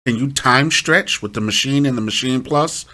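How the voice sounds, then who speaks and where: This music production tutorial host speaks at normal speed with a medium pitch and a bright, forceful tone. He guides listeners informally step by step, regularly checking in with brief tag questions.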